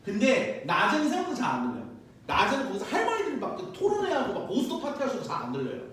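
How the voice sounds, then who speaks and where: A young man teaching physics in a loud, joking, slangy way, his high voice swinging up and down as he tells stories. He sounds a fair way from the mic. The classroom rings with heavy echo. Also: wildly swooping pitch, quick pace, slight background noise. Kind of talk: lecture. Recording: very echoey room, mic far off.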